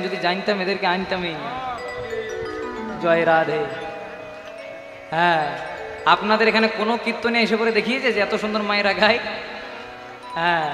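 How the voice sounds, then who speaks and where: A male kirtan singer addressing a devotional gathering, an animated, coaxing storyteller speaking through a handheld microphone. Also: sits high. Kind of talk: devotional talk and call-and-response kirtan. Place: live devotional gathering in a reverberant hall. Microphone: handheld stage microphone. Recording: echoey live hall with music.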